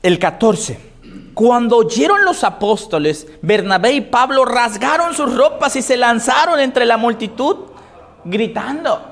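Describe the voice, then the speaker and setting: High-voiced preaching man, call-and-response. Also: lively intonation, a little slow, vocal fry. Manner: swings between raised emphatic reading and low, quiet asides. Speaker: pastor. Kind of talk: sermon.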